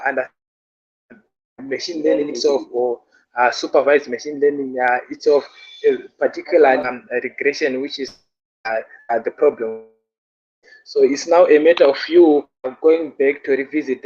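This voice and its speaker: A man's voice comes through a glitchy online call that breaks up, with dull, lo-fi sound. He talks at a middle pitch and hesitates a lot, filling his gaps with uhs and restarting his sentences as he addresses the event's participants. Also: darkish tone. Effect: choppy, breaking internet call audio. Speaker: hackathon organizer. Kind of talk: live-streamed online event remarks. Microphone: remote call connection.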